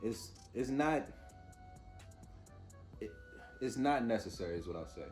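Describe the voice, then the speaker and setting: A man's voice: mid-range voice, animated, unhurried, a little mellow, faint music behind. A man giving a casual, off-the-cuff TV review, informal and opinionated as he mulls things over aloud. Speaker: host reviewing TV episodes.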